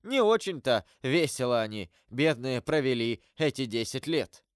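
A man's voice: medium pitch, very animated, normal speed, clean tone, dry recording, clean studio sound, close to an everyday voice. A man voicing a humble middle-aged male prison guide, deferential and chatty, lifting his voice to tell his story. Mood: eager. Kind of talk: audiobook character voice.

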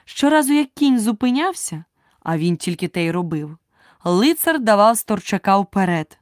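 A woman narrates a scripted audiobook in a lively, expressive storytelling style. Her voice is mid-range at a moderate pace, in a dry recording with clean studio sound.

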